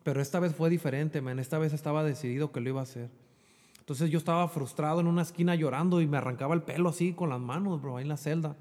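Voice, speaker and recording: A man's voice: a little high, fast, darkish tone, in a large hall. A man with a Mexican Spanish accent tells an emotional personal faith testimony, in earnest, often saying "bro" and dropping in English fillers. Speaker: guest sharing a faith testimony.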